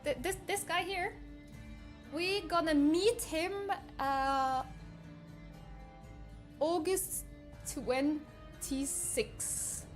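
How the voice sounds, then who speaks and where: A high-pitched, teasing AI avatar girl who talks slowly and sarcastically, voiced by a man through a voice changer. The processed feminine voice chats casually over faint game music in the background. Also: full character voice. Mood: chatty. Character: sarcastic female AI avatar streamer. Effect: voice changer making a man sound female. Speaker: streamer. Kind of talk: casual chat with viewers. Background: faint game soundtrack music.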